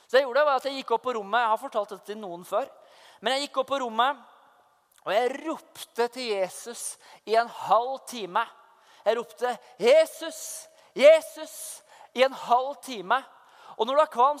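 A young man giving a sermon testimony as a youth leader, fervent, moving from hushed asides to loud proclamations. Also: high voice. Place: church hall. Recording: long reverb of a church hall.

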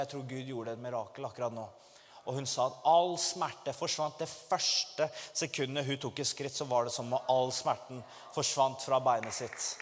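A man preaching a testimony to a congregation, telling his story in an animated way and rising to fervent exclamations. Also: medium pitch. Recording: long hall reverb.

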